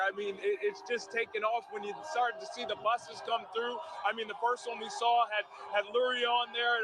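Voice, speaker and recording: An excited man reporting live from the street as a field reporter. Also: extremely high pitch. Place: outdoors on a city street. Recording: clear outdoor street noise.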